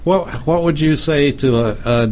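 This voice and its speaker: An American man hosting an interview in a casual chat, haltingly searching for his words. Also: fairly high pitch, a little mellow, a little hiss or hum. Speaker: interview host.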